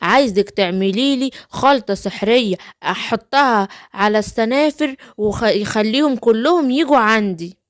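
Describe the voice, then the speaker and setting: A woman's voice: a little high, normal speed, dry recording, studio quality, lightly acted. A woman with an Egyptian accent voicing a greedy male sorcerer, in a home-made children's story play. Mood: scheming. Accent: Egyptian Arabic. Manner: greedy, gloating. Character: scheming greedy male sorcerer who wants to eat smurfs.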